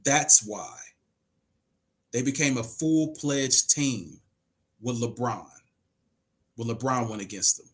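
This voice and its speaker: Slow-paced and pausing often, a man in his forties with a medium-pitched voice hosts a casual livestream podcast. He reads comments aloud and argues his point with emphasis and rhetorical questions.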